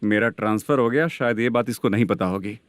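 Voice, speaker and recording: A man playing a gruff, corrupt police inspector. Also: lowish voice, brisk, no room sound, natural voice. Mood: bossy. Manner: gruff, bossy, mocking. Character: corrupt, sarcastic middle-aged male police inspector. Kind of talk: Hindi film dub. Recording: film soundtrack with music.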